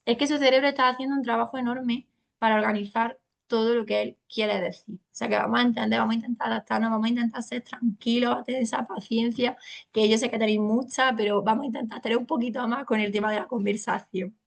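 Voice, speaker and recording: Spanish-accented woman therapist, slightly high pitch, fry on phrase ends, chatty, patient teaching tone. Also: fairly even intonation, fast talker. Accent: Spain Spanish. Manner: colloquial, explaining patiently to parents. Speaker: speech therapist. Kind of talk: family training talk.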